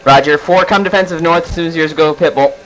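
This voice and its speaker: A man's voice: on the high side, quick pace, crowd noise, low-quality recording. A man talking like a hotshot pilot, giving clipped military brevity calls as element leader in a flight sim game. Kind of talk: military radio brevity calls during gameplay. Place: online voice chat over a flight simulator.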